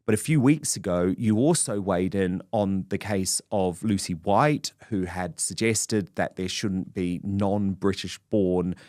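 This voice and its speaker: A man's voice: deep voice, measured pace, hardly any pauses, darkish tone, no room sound, clean studio sound. A man hosting a political talk show, presenting in an emphatic, punchy way. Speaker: host.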